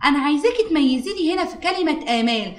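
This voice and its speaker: Brisk high-voiced Egyptian teacher. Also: female voice, lively intonation, reverberant. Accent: Egyptian Arabic. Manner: coaxing, prompts with questions and praise. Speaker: primary school teacher. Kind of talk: interactive lesson with a pupil.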